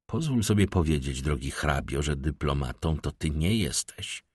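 A man's voice: a bass voice, lively intonation, normal speed, slightly rough, no echo, studio quality, heavily acted. A man doing a wry teasing editor. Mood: measured. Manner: jovial, ironic. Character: wry male newspaper editor, easygoing and teasing. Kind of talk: audiobook character voice.

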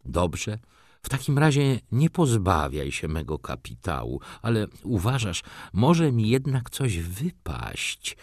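A man voicing a fussy, easily flustered elderly nobleman who pleads slowly and emotionally. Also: on the low side, huge pitch swings, a little mellow, no echo, clean studio sound, heavily acted. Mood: wheedling. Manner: pleading, wheedling, slow and emotional.

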